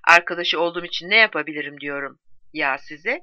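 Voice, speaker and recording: A woman's voice: sits low, fast, bright, forceful tone, no echo, highs cut off. A woman reading the lines of a weary, brooding male soldier held prisoner, in a tired, questioning tone.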